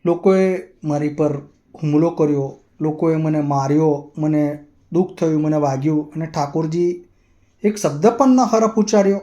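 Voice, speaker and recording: A humble, poor temple sweeper pleads earnestly in a slightly raised, mellow voice, as a male storyteller speaks his lines. The delivery stays close to the reader's everyday speech. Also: a little high, moderate pace, dull audio, natural voice. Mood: grieving.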